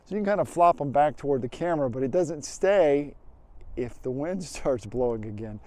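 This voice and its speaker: A man's voice: mid-range voice, moderate pace, dry recording. A man in his fifties, a landscape photographer, talking casually on a windy open hilltop outdoors through a lapel mic, thinking aloud as he explains his camera settings. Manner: relaxed, thinking aloud with fillers and restarts.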